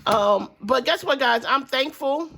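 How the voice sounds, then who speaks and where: A budgeting vlogger with a high, creaky voice and a fairly bright tone takes her time as she chats casually to viewers. Her nose is stuffy, and she rambles with fillers, calling everyone guys and y'all. There's slight background noise.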